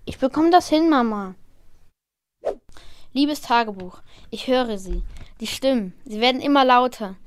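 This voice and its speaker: A bullied schoolboy in an amateur audio drama, acted out by a woman. The voice is high and clear, hurt and pleading, recorded close and dry. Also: animated, unhurried, pauses often, no echo. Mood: apologetic, downplaying.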